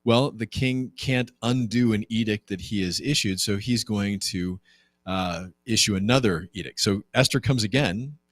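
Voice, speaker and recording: Low-voiced pastor retelling a Bible story. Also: male voice, moderate pace, dry recording, studio quality. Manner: conversational and animated, acts out quoted lines with jumps in pitch; asks rhetorical questions to the class. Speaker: pastor leading a Bible class.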